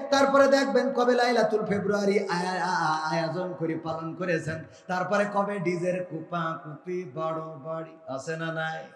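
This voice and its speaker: A man preaching an Islamic sermon at an outdoor gathering, swinging between high shouted chant and low intimate speech. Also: roomy sound, in a large hall. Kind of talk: rhythmic shouted waz sermon.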